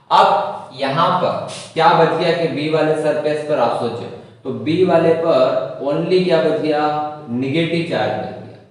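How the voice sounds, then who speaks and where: A male physics teacher with a sore throat gives a classroom lecture, asking the students questions and answering them himself. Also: fairly high pitch. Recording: echoey hall, voice from far off.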